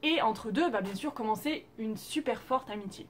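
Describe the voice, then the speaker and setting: High-voiced chatty woman vlogger. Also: normal speed, slight background noise. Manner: chatty and expressive, with frequent fillers and playful asides. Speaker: YouTube host reviewing Korean dramas. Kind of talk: casual vlog recommendations.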